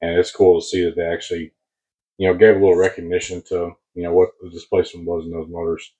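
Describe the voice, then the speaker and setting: Deep male voice, American accent, husky, laid-back hobby vlogger, rambling, boomy close-miked submarine sound. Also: completely flat delivery, quick pace, mellow. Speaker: host of a diecast car collecting channel. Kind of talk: casual hobby unboxing talk to camera. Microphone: new mic placed very close. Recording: muffled, boomy close mic.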